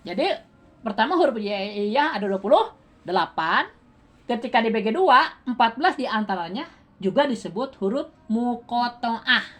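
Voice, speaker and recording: A woman's voice: fairly high pitch, animated, moderate pace, fairly bright tone. A woman with a Sundanese-tinged Indonesian accent teaching Quran recitation in a classroom lesson. She quizzes her students, counts out beats aloud and laughs often.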